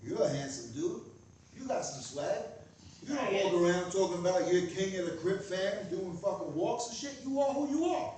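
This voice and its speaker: A man from Queens with a Queens New York accent, delivering an animated, profane comedic rant in punchy, repeated phrases and rhetorical questions. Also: high-pitched, moderate pace, slight background noise. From Queens, New York, USA. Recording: very echoey room, distant mic.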